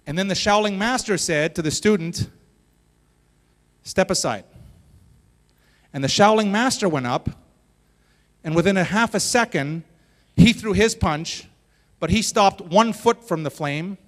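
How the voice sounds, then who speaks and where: High-voiced male speaker in a reverberant hall. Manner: animated, addresses the audience directly. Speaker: motivational speaker. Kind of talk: stage storytelling talk. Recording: long reverb of a large hall.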